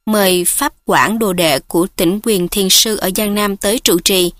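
A woman voicing a timid, deferential old male innkeeper in an audiobook story, speaking in a hushed, fearful way. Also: medium pitch, dry recording, studio quality, lightly acted.

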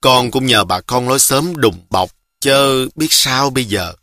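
A man's voice: medium pitch, measured pace, bright, forceful tone, no echo, clean studio sound. A man voicing a young male army deserter who talks earnestly to his mother.

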